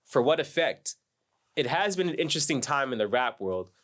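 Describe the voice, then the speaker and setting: A man's voice: mid-range voice, expressive, normal speed, fairly bright tone. A man who is a hip-hop artist, teaching a performance masterclass in a laid-back, slangy way. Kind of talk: instructional masterclass talk.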